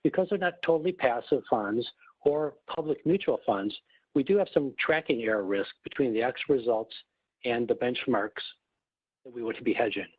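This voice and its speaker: A corporate executive delivers a prepared, formal webinar presentation, explaining things in a measured way. His mid-range voice is husky, heard over a muffled phone line with roomy echo.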